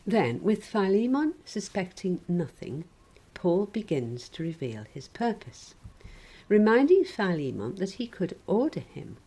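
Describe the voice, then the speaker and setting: A woman preaching a sermon in a measured, gently wry reflective way. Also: medium pitch, big pitch swings, breathy edge, rough recording.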